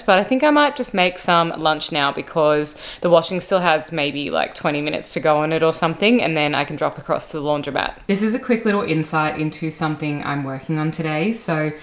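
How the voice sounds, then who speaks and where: A woman's voice: sits low, brisk, hardly any pauses. A young woman chatting casually in a day-in-the-life vlog, with hiccups now and then. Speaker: vlogger and interior designer.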